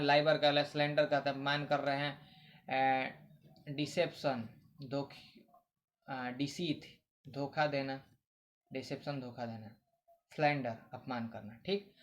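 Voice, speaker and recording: Man, vocab teacher, repeats words, quizzes himself aloud. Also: on the high side. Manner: repetitive, asks questions then answers them. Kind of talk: casual Hindi vocabulary lesson.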